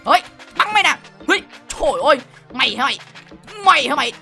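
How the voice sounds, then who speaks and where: A woman's voice: high voice, lively intonation, quick pace, music in the background. A young woman hosting a gaming video, dramatic and exclamatory, full of shrieks and teasing threats. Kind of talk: excited game commentary.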